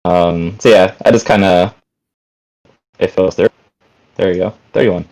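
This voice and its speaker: Male tabletop player, very low voice, casual, halting, online chat mic. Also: fairly even intonation, a little mellow, rough recording. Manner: casual, hesitant with many fillers. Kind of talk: describing a character's actions in a tabletop game.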